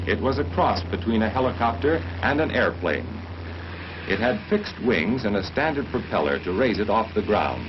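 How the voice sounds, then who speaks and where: On an old soundtrack for a mid-20th-century military training film, a fairly low-pitched American man narrates in a formal, instructional, measured way. The high frequencies are cut off.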